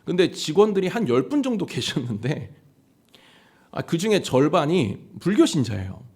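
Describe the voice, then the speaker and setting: A man's voice: moderate pace, husky. A male pastor preaching a Sunday sermon and telling stories from his ministry. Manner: storytelling sermon with lively pitch swings.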